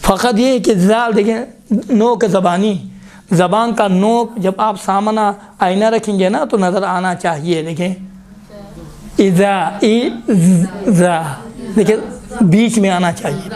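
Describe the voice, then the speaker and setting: A man's voice: high-pitched, fairly even intonation, a little mellow. A man teaching a Quran recitation lesson in a classroom, explaining how letters are formed and repeatedly sounding them out as examples. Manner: repeatedly demonstrates letter sounds aloud, prompting "look".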